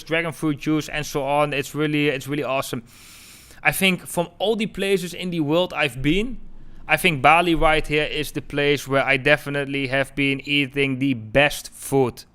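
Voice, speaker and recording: A Dutch man with a fairly high, bright, clear and resonant voice hosts a live crypto trading stream. He chats with viewers, talking through charts and answering the chat while constantly calling everyone "guys."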